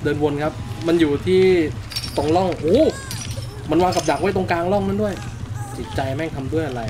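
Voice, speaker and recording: A man with a hoarse voice that is giving out, chatting casually and excitably while playing a game. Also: on the high side, brisk. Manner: excitable, exclaims and swears when caught. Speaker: gamer. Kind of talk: casual gameplay chat. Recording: loud game noise behind. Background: horror game ambience.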